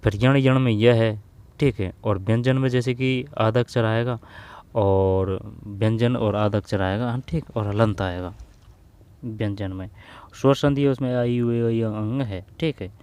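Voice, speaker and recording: Low-voiced man teaching, repeating words. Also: steady tone, measured pace, a little mellow, smooth. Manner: repeats words over and over, thinks aloud, says "है ना" often. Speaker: exam-prep teacher. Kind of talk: casual spoken lesson on grammar questions.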